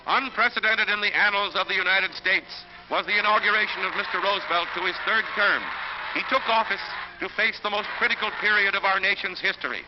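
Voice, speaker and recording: A man's voice: high voice, fairly even intonation, brisk. Man narrating an old newsreel. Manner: dramatic, emphatic announcing. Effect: old newsreel soundtrack. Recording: dull lo-fi 1940s film soundtrack with music.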